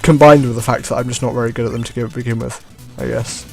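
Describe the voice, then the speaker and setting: A man giving relaxed gameplay commentary as a let's play host, often chuckling and trailing off with shrugging asides. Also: mid-range voice, quick pace, creaky. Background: faint game music.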